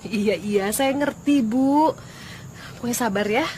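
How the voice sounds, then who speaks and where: A woman's voice: fairly high pitch, unhurried, warm tone, a little hiss or hum, close to an everyday voice. An actress playing a middle-aged, apologetic mother in debt in a TV drama, soothing and deferential. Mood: placating. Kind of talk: TV film drama acting.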